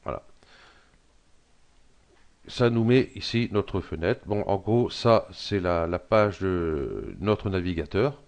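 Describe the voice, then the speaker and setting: A middle-aged man with a frog in his throat, hesitantly talking through a software tutorial with many fillers. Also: sits low, lively intonation, slow pace, vocal fry, pauses often. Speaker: tutorial presenter. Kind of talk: screen-recorded software tutorial.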